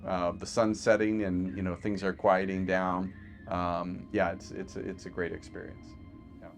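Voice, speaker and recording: A deep-voiced physician guest, speaking with vocal fry and a totally flat, unhurried delivery, chats casually on a remote podcast over video call. He tells stories full of fillers and laughter while faint music plays behind him.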